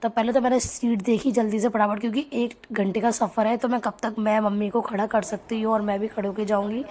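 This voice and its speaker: A woman's voice: fairly high pitch, fairly even intonation, brisk, a little mellow. A young woman from Agra, India, narrating her day in a chatty casual vlog and talking straight to her viewers. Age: young adult. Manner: chatty, addresses viewers directly. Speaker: vlogger.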